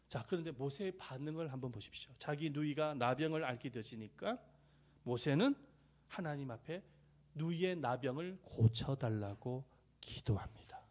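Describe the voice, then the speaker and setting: A middle-aged male pastor preaching a sermon, swinging between loud rises and soft near-whispers, and acting out quoted voices. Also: on the high side. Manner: acts out quoted voices in dialogue.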